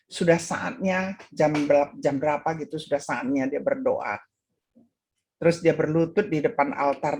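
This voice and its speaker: Breathy Indonesian woman preaching. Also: a little mellow. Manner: acts out voices in her story, pitch swinging high and low. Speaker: women's ministry speaker. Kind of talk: sermon with a told story. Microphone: video call.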